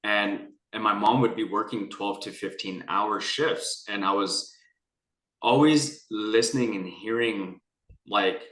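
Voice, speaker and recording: A lower-voiced young man with a bright edge tells his life story in a rambling, earnest way, circling back and restarting often. The room around him is echoey and hollow. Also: slow. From Canada. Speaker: guest. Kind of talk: candid personal conversation.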